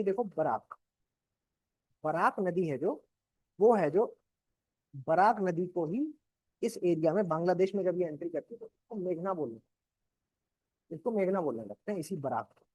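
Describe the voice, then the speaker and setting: Hindi-accented male teacher, husky and dark. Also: high-pitched, no room sound. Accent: Indian Hindi. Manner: explains step by step, checks in with "ठीक है" often and asks students questions. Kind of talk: classroom geography lecture. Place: classroom. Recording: dry, dull lo-fi classroom recording.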